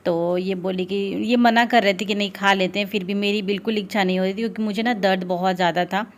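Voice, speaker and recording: A young woman with an Indian accent narrating her daily vlog in a casual, soft-spoken and tired way, with frequent fillers. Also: mid-range voice, fairly even intonation, fast talker. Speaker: vlogger.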